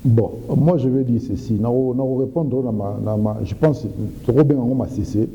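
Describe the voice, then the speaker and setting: Guy answering slow and halting, super dark voice, dull lo-fi sound. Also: mid-range voice. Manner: measured, halting, many restarts. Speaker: interviewee. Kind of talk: studio interview answers. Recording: muffled reverberant studio sound.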